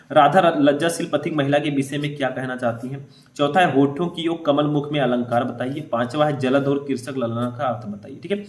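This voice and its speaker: A young male teacher walks students through writing exam answers, reading textbook passages aloud and stopping often to check that they follow. His voice sits a little high for a man. The sound is roomy and echoey. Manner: repeats "ठीक है" and "देखिए" often, reads passages aloud.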